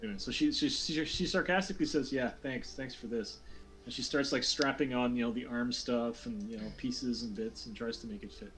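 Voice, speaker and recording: A man's voice: medium pitch, fairly even intonation, a little fast, few pauses, fairly bright tone. Rambling man running a tabletop game. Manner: rambling, many fillers and restarts. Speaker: game master.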